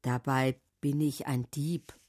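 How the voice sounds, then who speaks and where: A woman voicing a grown male thief who speaks in a hushed, grateful way in a storybook reading. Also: a bass voice, little pitch movement, takes it slowly, full character voice.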